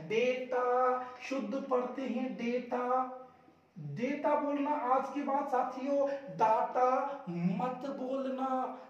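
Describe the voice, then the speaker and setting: A man teaching English pronunciation in an energetic lesson, drilling words loudly and repeating them so viewers say them along. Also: very high voice, lo-fi sound. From India. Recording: very echoey room, mic far off.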